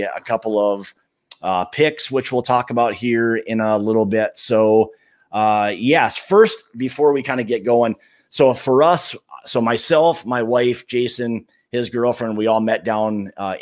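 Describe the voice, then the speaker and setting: A middle-aged man with a fairly low voice chats casually as a livestream host. He rambles in a relaxed way, full of little fillers and restarts, speaking into a desk webcam in a home room. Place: home bar room lined with bottles.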